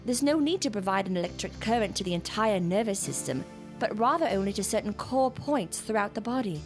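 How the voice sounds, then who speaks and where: With faint music behind her, a woman speaks a little fast in a medium-pitched, expressive, natural voice. She is an actress portraying an exacting, earnest woman scientist in a gothic audio drama. Her delivery is formal, precise and lecturing, intent on explaining.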